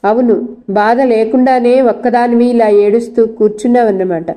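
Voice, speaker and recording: A woman's voice: fairly high pitch, fairly even intonation, moderate pace, mellow, lightly acted. Woman voicing a persistent, caring housemate. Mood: pressing. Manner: pressing questions, coaxing.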